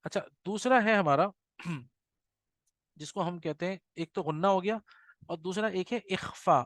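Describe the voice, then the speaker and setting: A man teaching a recitation class, explaining patiently and often checking that students follow, and demonstrating slow nasal recitation. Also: sits high, a bit bright, no room sound, studio quality.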